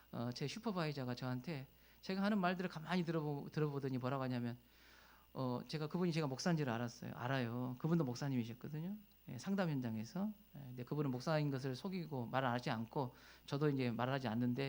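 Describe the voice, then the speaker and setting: Fervent Korean pastor, swings loud and soft. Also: male voice, a little high. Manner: emotional, rising to loud fervent peaks; conversational storytelling, dropping to near whispers. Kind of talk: sermon with personal story.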